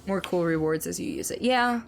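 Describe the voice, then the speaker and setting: A woman streamer chatting through live gameplay commentary, reading and answering chat, her voice slightly hoarse as it recovers. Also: fairly low pitch, a little fast, faint music behind.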